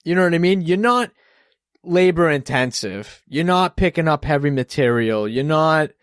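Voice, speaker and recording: Cursing Boston-accented podcast host. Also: male voice, fairly high pitch, lively intonation, normal speed, smooth, no echo, clean studio sound. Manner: rambling, swears freely. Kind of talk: casual interview chat.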